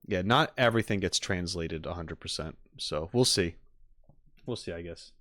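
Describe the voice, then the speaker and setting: A man with a low, slightly bright voice talks at a normal speed in clean studio audio with no room sound. He's a streamer reacting alongside live chat, rambling casually through his opinions in a tentative, hedging manner.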